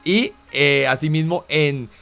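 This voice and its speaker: A Colombian-accented co-host chats casually about anime, explaining things with plenty of fillers and tag questions while faint music plays. His voice is a little high and sharp with vocal fry, and he speaks slowly.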